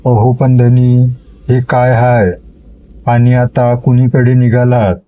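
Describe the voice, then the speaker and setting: Worried village wife begging, dark voice, guy doing her. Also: medium pitch, completely flat delivery, slow, highs cut off, close to an everyday voice. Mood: pleading. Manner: pleading, fearful. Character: anxious young village wife.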